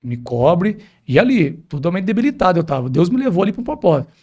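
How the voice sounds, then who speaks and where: A man's voice: sits high, big pitch swings, racing, a little mellow. A man, a pastor telling a personal testimony in a podcast interview, emphatic and often addressing the host directly.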